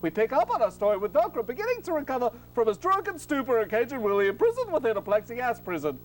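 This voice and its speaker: A woman narrating a scripted comic serial with wry, deadpan asides. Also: a little high, quick pace. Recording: faint hum and hiss.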